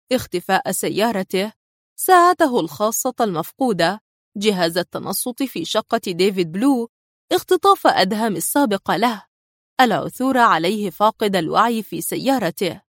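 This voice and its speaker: A woman narrating a thriller audiobook in a dramatic, expressive reading style. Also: medium pitch, moderate pace, no room sound, studio quality.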